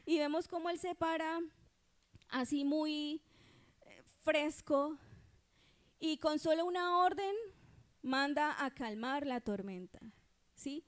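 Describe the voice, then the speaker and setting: A woman with a Colombian accent speaks in a high voice during a church sermon. She tells her testimony in an earnest, conversational way, often pausing to ask whether listeners follow.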